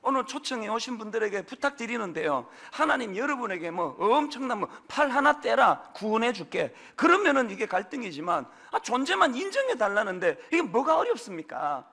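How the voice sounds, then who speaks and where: Lively, bright-voiced pastor in his fifties. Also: very high voice, fairly quick, hardly any pauses. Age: 50s. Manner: humorous, conversational preaching with playful asides. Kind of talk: sermon. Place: church sanctuary.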